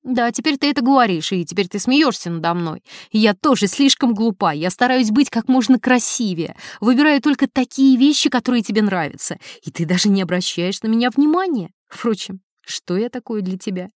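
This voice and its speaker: A woman reading as a furious rich wife who scolds her husband in a shrill, scolding voice. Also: expressive, fairly quick, few pauses, no room sound, studio quality, close to an everyday voice. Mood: reproachful. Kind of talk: audiobook character reading.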